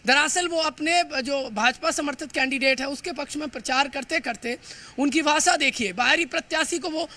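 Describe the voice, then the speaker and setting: A man reporting live for the news, emphatic and hurried, often stumbling over words and filling pauses. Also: very high-pitched, sharp tone. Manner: fast, emphatic, with frequent stumbles and fillers. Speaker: field reporter.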